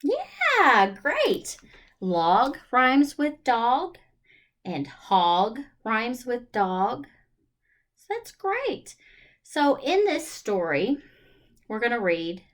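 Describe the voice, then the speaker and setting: A woman with a fairly high, fairly bright voice hosts a storytime for young children and is very animated. She speaks in an exaggerated, encouraging child-directed style, asking questions and leaving pauses.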